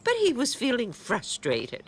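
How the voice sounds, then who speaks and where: A woman narrating a children's cartoon in clear, warm storytelling tones. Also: on the high side, huge pitch swings, measured pace, slight background noise. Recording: cartoon narration with soft music.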